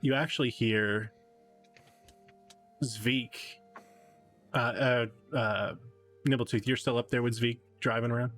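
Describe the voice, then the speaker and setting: A man narrating as game master of a tabletop game, halting with many fillers. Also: medium pitch, steady tone, fairly bright tone, faint music behind.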